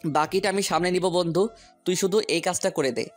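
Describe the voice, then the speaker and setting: A man with a high, natural voice speaks a little fast over soft background music. He plays a determined businessman hero in an audio story, delivering lines firmly and with purpose. The character comes across as a commanding boss and a loyal friend.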